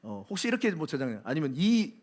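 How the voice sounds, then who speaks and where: Brief: male preacher, animated sermon delivery, joking asides, high-pitched voice. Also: fast. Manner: animated, acts out quotes; jokes with congregation. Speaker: pastor.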